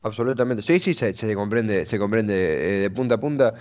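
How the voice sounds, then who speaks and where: The audio is dull, and the interviewer's voice sits on the low side, animated and slightly mellow at a normal speed. He has an Argentine accent and leads a chatty, radio-style conversation, talking at length and often fumbling for the right word.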